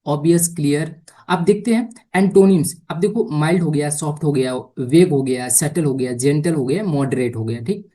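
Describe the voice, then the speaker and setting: A woman teaching English vocabulary for exams, explaining patiently in Hindi mixed with English and often asking whether it is clear. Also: sits low, normal speed, warm tone. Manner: mixes Hindi explanation with English words and sentences. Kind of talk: exam-prep vocabulary lesson.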